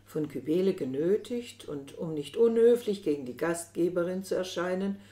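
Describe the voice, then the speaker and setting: A woman reading a classic novel aloud in a measured, steady narration, in a roomy recording. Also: fairly low pitch. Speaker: audiobook reader. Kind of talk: scripted narration. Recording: roomy echo.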